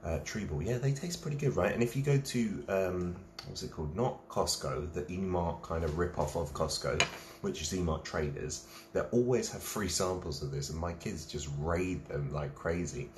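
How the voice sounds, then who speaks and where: An Englishman with a low-pitched voice hosts a casual late-night live stream, reading out viewers' comments and chatting while he snacks. He talks at a normal speed, and the sound is roomy with background noise.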